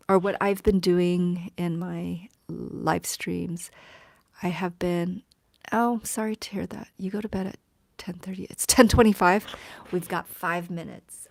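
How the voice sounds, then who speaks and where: A tired woman live streamer talks slowly and lazily, with a low, gravelly edge to her voice. She rambles to her chat in a soft, sometimes whispery way. The sound is dry and close, with no room around it. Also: steady tone, dry recording. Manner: rambling, tired, yawning, chats with viewers.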